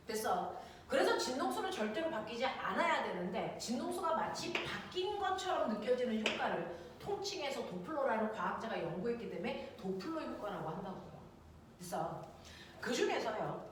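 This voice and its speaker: A woman teaching a science class who keeps checking in with her students. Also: on the high side. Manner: lively, checks in with students often. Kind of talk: classroom lecture. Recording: echoey room, distant mic, noisy.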